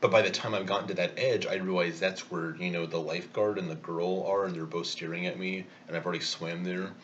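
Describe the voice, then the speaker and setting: Low-voiced man rambling through a story. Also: steady tone, fairly quick, a bit bright, highs cut off, a little hiss or hum. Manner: rambling, self-mocking anecdote with chuckles. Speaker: vlogger. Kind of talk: casual storytelling while eating.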